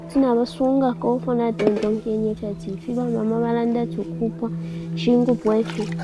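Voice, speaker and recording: A young woman from Zambia giving documentary testimony, quiet and halting. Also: a little high, dull audio. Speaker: interviewee. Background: loud film score music.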